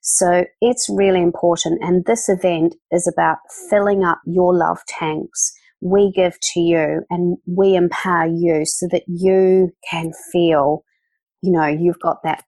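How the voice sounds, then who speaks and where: A woman's voice: fairly low pitch, gravelly, darkish tone, dry recording. A woman, an event organizer chatting enthusiastically as a podcast guest, with many fillers. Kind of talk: casual interview talk.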